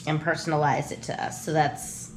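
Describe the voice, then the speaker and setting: A woman co-hosting a casual question game, chatty and thinking aloud with frequent pauses. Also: sits low, flat delivery. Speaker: channel co-host answering questions. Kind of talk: casual chat. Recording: echoey room with faint noise.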